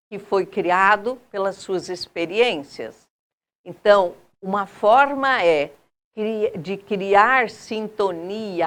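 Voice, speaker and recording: Uma mulher convidada de um programa de TV, respondendo a uma pergunta com explicações calmas e didáticas, enumerando dicas. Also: female voice, mid-range voice. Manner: slow, explanatory, lists tips with pauses. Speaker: guest expert on neuro-linguistic programming. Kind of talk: TV health show answer.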